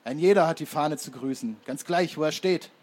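A man's voice: a little high, normal speed, darkish tone, lightly acted. A man voicing a burly, hostile teenage Hitler Youth leader who talks through clenched teeth in an audiobook. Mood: menacing.

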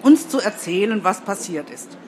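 A woman's voice: mid-range voice, expressive, a little mellow, a little hiss or hum, lightly acted. A woman voicing a bossy, self-important young female TV reporter who orders everyone around. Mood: on-air. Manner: commanding, brisk, self-important.

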